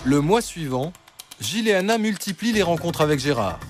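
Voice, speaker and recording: A man's voice: a little high, big pitch swings, normal speed. Male documentary narrator over music. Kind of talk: scripted narration.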